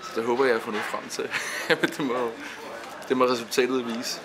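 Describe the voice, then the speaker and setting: Brief: male actor in an interview, reflective and hesitant, mid pitch, noisy background. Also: little pitch movement. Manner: thoughtful, with hesitant fillers. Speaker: actor interviewed about his role.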